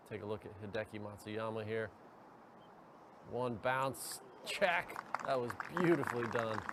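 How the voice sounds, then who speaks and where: Male golf commentator over outdoor noise. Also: mid-range voice. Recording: outdoor ambient noise behind voice.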